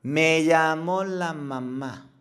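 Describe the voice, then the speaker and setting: Man, priest preaching, fiery and scolding, somewhat high-pitched voice. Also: extremely slow. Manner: fiery, scolding, with sudden loud outbursts. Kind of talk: scolding homily.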